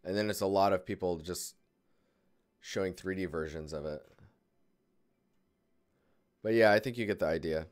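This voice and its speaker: Man, low voice, smooth clear tone, relaxed rambling art critique, desk mic. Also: moderate pace, long pauses. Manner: relaxed, rambling, thinking aloud. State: yawning, tired. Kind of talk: casual live critique.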